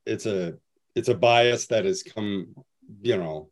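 A man's voice: fairly low pitch, slow pace. A man speaking as a guest author on an online panel, rambling with many restarts and "you know" fillers. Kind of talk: casual panel chat.

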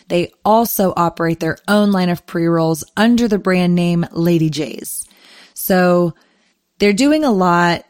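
A woman's voice: fairly low pitch, darkish tone, no room sound, studio quality. A woman hosting a podcast, talking in an upbeat, enthusiastic way and leaning on words for emphasis. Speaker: podcast host.

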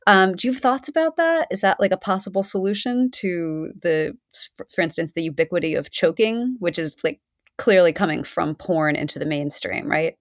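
A woman with vocal fry hosting a podcast interview in an informal, wry, conversational way. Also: lowish voice, moderate pace, dry recording, clean studio sound. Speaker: podcast host.

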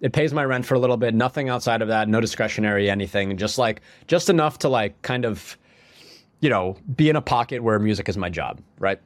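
A young male musician, guesting on a podcast, tells his story in a rambling, casual way, leaning heavily on "like" and restarting often. He sounds a bit sniffly from a cold, with a lowish, brisk voice in a dry recording.

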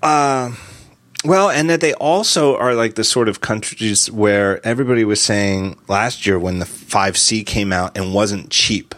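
Low voice guy hosting a podcast, laughs a lot, gets animated, dry close sound. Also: no echo. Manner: animated, quick laughs, spins hypotheticals. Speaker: podcast host. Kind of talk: casual tech podcast chat.

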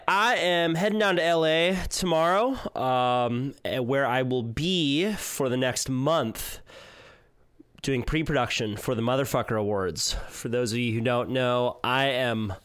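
A man hosts his podcast, easing through the intro with loose, unhurried talk full of "um"s and the odd curse word. His voice sits at a mid pitch. The recording is dry and close, with no room echo. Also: fairly bright tone. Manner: loose and casual, with many fillers and swearing. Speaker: podcast host. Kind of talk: solo podcast intro monologue.

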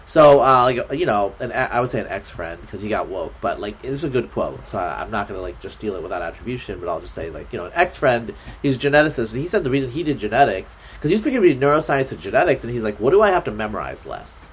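A man's voice: mid-range voice, fast talker, few pauses, husky. A man as a podcast guest, talking in a loose, rambling way with lots of fillers. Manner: rambling, filler-heavy, lively. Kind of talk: casual conversation.

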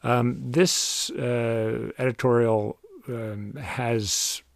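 A man with a Cape Breton Canadian accent hosting a podcast in a conversational way, pausing as he phrases things. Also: mid-range voice, steady tone, vocal fry, dry recording, studio quality. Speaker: podcast host. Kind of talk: conversational podcast introduction and interview.

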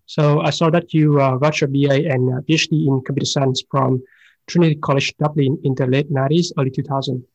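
A man hosts an interview podcast in a husky, mid-pitched voice. He reads out introductions and questions, pausing on fillers between phrases. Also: fairly even intonation, a little mellow, lo-fi sound. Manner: reads prepared questions with many "uh" pauses. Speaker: podcast host. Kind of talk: interview hosting.

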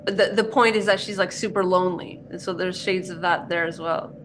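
A woman's voice: on the low side, fairly even intonation, brisk, fairly bright tone, a little hiss or hum. A woman co-hosting a casual podcast chat, talking loosely with fillers. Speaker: podcast co-host.

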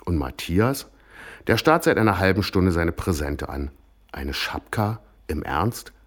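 Deep-voiced man reading a comic story. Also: lively intonation, a little slow.

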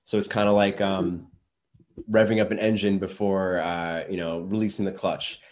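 A man's voice: low-pitched, little pitch movement, moderate pace. A young adult man talking casually on his own show, rambling with many restarts and fillers. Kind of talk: casual solo talk.

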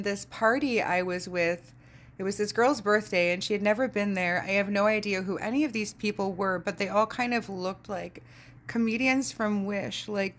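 A woman on her own podcast tells a story in a loose, sardonic monologue. She jumps into exaggerated voices, swears freely and laughs often. Her voice sits at an ordinary middle pitch. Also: a bit bright. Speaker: podcast host.

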